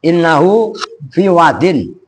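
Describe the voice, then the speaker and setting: Casting: man, kitab teacher, slightly high voice, loose and chatty. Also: breathy edge. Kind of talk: pesantren kitab lesson, word-by-word translation.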